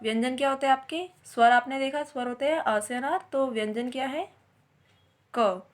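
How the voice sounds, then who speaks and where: A woman's voice: high voice, moderate pace. Patient Hindi grammar teacher, woman. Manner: explains step by step, asks and answers her own questions.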